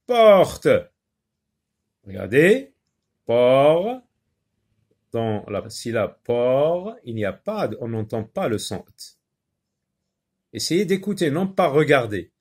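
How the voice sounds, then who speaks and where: Guy teaching kids phonics, slow, repeats syllables over and over, lots of ums. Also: mid-range voice, a little mellow, breathy edge. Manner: slow, repeats words and syllables, explains in French with short Arabic asides; hesitant, many pauses and fillers. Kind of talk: phonics lesson for young children.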